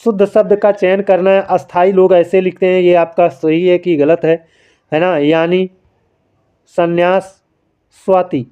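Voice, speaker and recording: A man's voice: high voice, flat delivery, a little slow, dark tone, clear, resonant tone, dull audio. A man teaching a Hindi spelling lesson, explaining each answer patiently and answering his own questions as he writes by hand. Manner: explains patiently, keeps calling listeners friends; asks questions and answers them himself.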